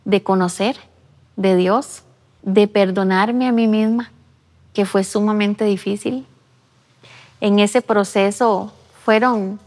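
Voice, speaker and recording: A woman in her thirties shares a personal testimony, speaking earnestly and acting out what she once said. Her voice sits at an ordinary pitch for a woman. The sound is recorded in a church with a long, lingering reverb. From Costa Rica. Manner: earnest storytelling, re-enacting her own past words. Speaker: interviewee giving a testimony. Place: church interview set. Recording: long reverb of a large room.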